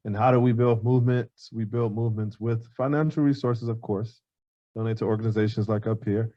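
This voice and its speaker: A man moderating a panel, halting and reaching for words with many fillers, his voice worn and fading. His voice is fairly low. The sound is dry and somewhat dull. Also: mellow, no echo. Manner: halting, heavy use of fillers. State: losing his voice. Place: event hall.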